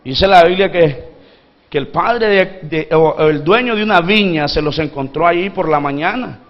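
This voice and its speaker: Man, pastor, sermon, call-and-response, high voice, lo-fi recording. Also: normal speed. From Honduras. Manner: preaching with call-and-response to the congregation; acts out pleading voices from the parable.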